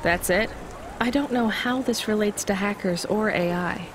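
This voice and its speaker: Playing a young courier driver in naturalistic scripted game acting, this woman sounds natural with a mid-range voice at normal speed, against some background noise. Her delivery is dry, skeptical, and understated, with a dry, curious mood.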